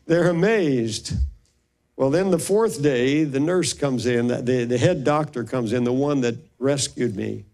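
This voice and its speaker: A man's voice: mid-range voice, slow, darkish tone. An older man, a pastor, telling a personal story in a sermon and acting out the voices of the people in it.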